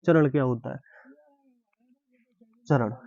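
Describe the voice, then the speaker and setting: A man's voice: mid-range voice, slow pace, vocal fry, a little mellow, dry recording, muffled recording. A man teaching a lesson on verse, who explains step by step and keeps asking if the class has understood. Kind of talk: classroom-style Hindi poetry lesson.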